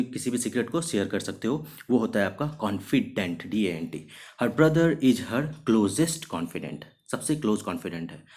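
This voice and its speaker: A man's voice: lowish voice, darkish tone. A man teaching English vocabulary in a recorded video lesson. He explains each word step by step, asks questions and answers them himself, and mixes English terms into his Hindi explanations. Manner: slows down sharply to read out example sentences.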